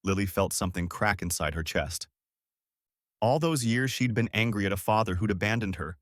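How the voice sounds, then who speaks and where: A man giving scripted narration of an emotional drama story in a measured, even way. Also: lowish voice, dry recording, clean studio sound.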